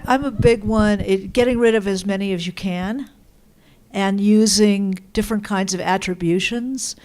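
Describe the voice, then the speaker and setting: A woman giving practical advice with spoken examples in a deliberate, instructive way. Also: mid-range voice, gravelly. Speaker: writing instructor on a panel.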